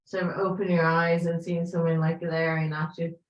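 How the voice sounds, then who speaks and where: A woman leading a live yoga class with playful, encouraging cues and breath counts, her voice going hoarse. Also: on the low side, little pitch movement, moderate pace, lo-fi sound. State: losing her voice. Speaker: yoga teacher. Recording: echoey room.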